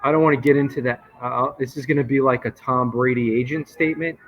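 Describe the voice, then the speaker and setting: Guy doing sports reporter chat from a hotel lobby, slightly high voice, bit muffled. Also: fairly even intonation, fast talker. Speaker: sports reporter, guest on a show. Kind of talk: live interview, casual sports talk. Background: hotel lobby noise.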